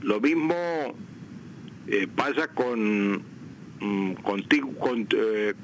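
A man's voice: on the low side, drawn-out words, slight background noise, low-quality recording. A man on a radio show answering listeners' grammar questions, explaining patiently with many fillers and repeating example words. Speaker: language expert on a radio show. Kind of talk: radio language advice segment. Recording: radio broadcast.

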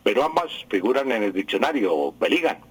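Colombian man, lively husky voice, patient radio language expert repeating key words; dry studio sound. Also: mid-range voice, fairly quick, dry recording, rough recording. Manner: didactic, repeats and stresses words. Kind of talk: explaining word usage on air.

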